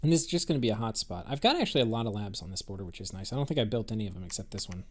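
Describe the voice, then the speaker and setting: A man's voice: fairly low pitch, lively intonation, rapid-fire. A man giving casual, rambling commentary on a strategy game he is playing, thinking aloud with many fillers and restarts. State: has the hiccups.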